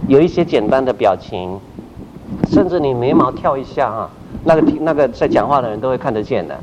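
Middle-aged male pastor, animated teacher who acts out his examples, muffled lo-fi audio with loud noise behind. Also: mid-range voice, normal speed, long pauses. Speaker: pastor teaching group leaders. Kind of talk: church training talk. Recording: dull recording with loud background noise.

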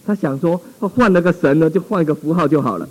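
A man's voice: fairly high pitch, a little fast, darkish tone, low-quality recording. A male pastor telling a dramatic, exclamatory testimony in a sermon.

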